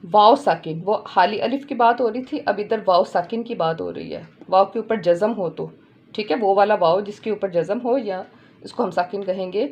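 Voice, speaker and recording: A woman's voice: mid-range voice, moderate pace, a little mellow, muffled recording. A woman teaching a Quran lesson step by step, patiently repeating each point and checking in with her students.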